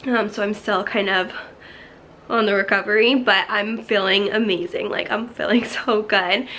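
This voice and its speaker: A woman's voice: mid-range voice, steady tone, normal speed, bright, forceful tone, a little hiss or hum. A young woman chatting casually through a tour of her small apartment, sounding a little worn from illness and slightly out of breath, with frequent fillers and light laughs. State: recovering from illness, slightly congested. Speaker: vlogger. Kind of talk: casual home tour vlog.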